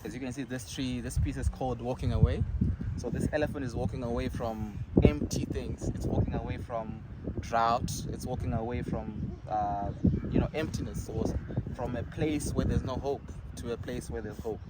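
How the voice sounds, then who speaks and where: A man from Zimbabwe talks about his art in an outdoor interview. He speaks haltingly, with many fillers, at a middle pitch. Loud outdoor noise sits behind him. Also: steady tone. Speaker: bead artist. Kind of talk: casual interview. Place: outdoors at a zoo.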